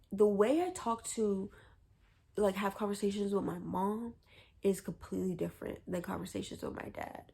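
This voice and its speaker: A young woman vlogger tells a personal story at an unhurried pace. Her voice has a gravelly, fry-touched edge, and she talks in a rambling, hesitant way full of fillers and restarts. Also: medium pitch, warm tone. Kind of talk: casual storytelling to camera.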